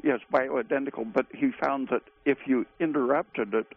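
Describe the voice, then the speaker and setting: A man speaking as a guest expert on a call-in radio show, halting, with frequent pauses. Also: medium pitch, steady tone, vocal fry. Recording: tinny phone line.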